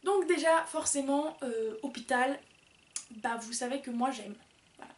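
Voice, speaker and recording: A woman's voice: sits high, a little slow, reverberant, far from the mic, slight background noise. A woman chatting casually and rambling as she reviews books, with many fillers. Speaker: book vlogger. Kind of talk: casual book review chat.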